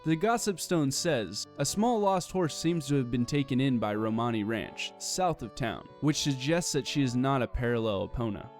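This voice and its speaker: A man with a medium-pitched, animated voice narrates a scripted video essay, building his argument point by point in a measured, explanatory manner. Faint guitar music plays beneath him.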